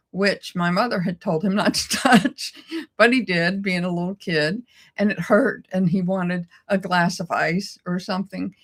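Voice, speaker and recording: A middle-aged woman co-hosting a casual chat, telling a personal story in an emotional way and laughing often. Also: medium pitch. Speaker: co-host.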